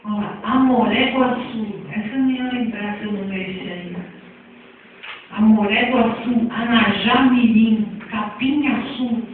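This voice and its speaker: A woman's voice: on the high side, a little slow, a little hiss or hum. A woman with a Brazilian accent teaching a spelling lesson to a class, chatty and often asking the audience questions. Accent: Brazilian Portuguese. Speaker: teacher giving a talk on spelling reform. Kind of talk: classroom lecture. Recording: echoey, far from mic, phone-like sound.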